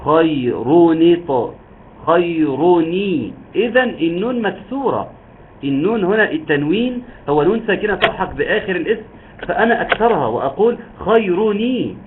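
A man's voice: high-pitched, expressive, fairly quick. A man teaching Quran recitation rules in an online lesson, explaining patiently step by step and drawing out words to demonstrate. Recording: tinny phone-like line with faint hiss.

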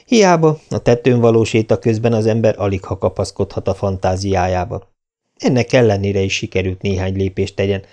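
Gravelly dark-voiced male audiobook reader. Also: fairly low pitch. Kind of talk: scripted narration.

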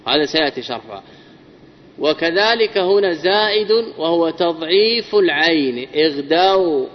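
A man teaching Arabic grammar in a classroom lecture, drilling word patterns and asking his students rhetorical questions. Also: fairly high pitch. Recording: dull lo-fi recording with long reverb.

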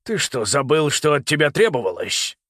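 A man's voice: on the high side, very animated, moderate pace, fairly bright tone, no room sound, clean studio sound, pitched above the performer's own voice. A man voicing a ruthless older grandfather, lord of birds, with a menacing, sneering manner. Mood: mocking. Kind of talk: audiobook character voice.

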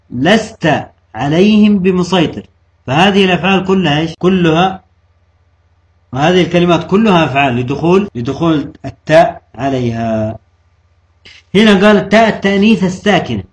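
A man with a high voice teaches a classroom grammar lesson, posing questions to the class and then answering them himself. He slows down when quoting examples to stress them.

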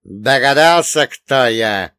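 A man's voice: medium pitch, takes it slowly, a bit bright, clear, resonant tone, no echo, clean studio sound. A man voicing a cold, scornful middle-aged oligarch who barks his lines in an audiobook. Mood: menacing. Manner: scornful, barking.

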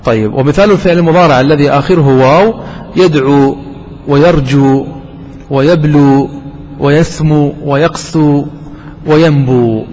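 A man's voice: on the high side, a little mellow. Man teaching grammar in a reverberant hall. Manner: asks questions, repeats examples slowly. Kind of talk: grammar lesson to students. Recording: roomy hall, faint background noise.

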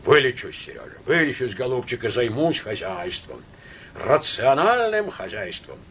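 A man's voice: medium pitch, sing-song, normal speed, fairly bright tone, slight background noise. A man voicing a tipsy, sentimental young count who rambles and wheedles in his drunk talk. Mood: tipsy rambling.

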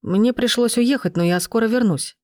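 A woman's voice: on the high side, normal speed, a little mellow, dry recording, studio quality, pitched above the performer's own voice, lightly acted. Woman voicing a menacing, furious man. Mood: calm. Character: enraged powerful man, cold and threatening.

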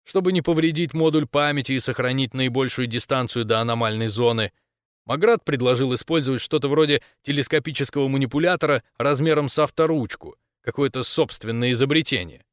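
A man narrating a first-person science fiction story in a steady storytelling manner. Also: medium pitch, fairly quick, dry recording, clean studio sound. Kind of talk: audiobook narration.

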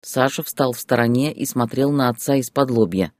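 A man narrating an audiobook story in a steady, expressive reading. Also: medium pitch, moderate pace, dry recording, studio quality.

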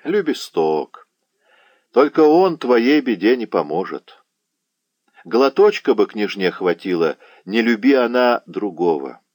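A man voicing a loud, sharp-tongued old witch woman in an audiobook, with a shrill, mocking way of talking. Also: very animated, slow pace, dry recording, clean studio sound, exaggerated voice. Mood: scolding.

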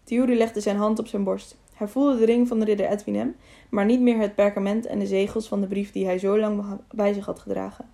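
A woman narrating a children's novel as an audiobook in a steady, measured way. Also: medium pitch, vocal fry. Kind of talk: storybook narration.

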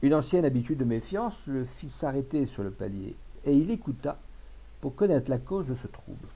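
A male narrator reads a classic tale in a measured, expressive way. His voice is mellow and warm, and the recording sounds dull and lo-fi. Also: medium pitch. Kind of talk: audiobook reading of a classic tale.

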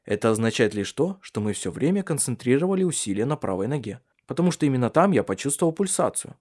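Male reader doing a curt, wry bedridden husband; plain voice, expressive swings. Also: medium pitch, fast. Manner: dry, curt, teasing. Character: wry, stubborn paralyzed husband. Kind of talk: audiobook character reading.

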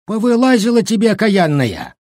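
A man voicing a sly, boastful old Cossack cook with a squeaky, rustic, bickering voice. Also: sing-song, unhurried, a little mellow, slightly rough, no echo, studio quality, full character voice. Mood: indignant. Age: older.

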